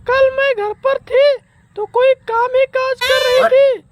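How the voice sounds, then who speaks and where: A woman's voice: extremely high pitch, steady tone, slow pace. A woman playing a defiant young daughter-in-law. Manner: talks back, argumentative. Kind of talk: comedy skit acting.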